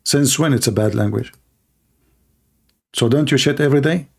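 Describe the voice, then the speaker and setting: A man's voice: medium pitch, normal speed, creaky, husky. Male debate host, mid-range voice, sarcastic and pushy, interrupts freely. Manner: mocking, combative, interrupts and repeats questions. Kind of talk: confrontational live debate.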